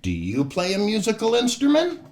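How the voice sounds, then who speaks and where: Here the older storytime entertainer's voice sits high and swings hugely in pitch at a moderate pace, with a little hiss or hum in the recording. He narrates rhyming stories and talks cheerfully to the children in a theatrical style.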